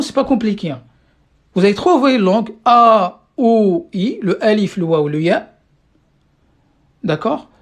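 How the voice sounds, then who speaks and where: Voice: mid-range voice, darkish tone. Patient language teacher on a live stream, keeps checking in with questions, talks into a phone or computer mic. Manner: keeps asking the class questions and checking understanding; repeats words while searching for phrasing. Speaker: Arabic teacher. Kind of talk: live online lesson.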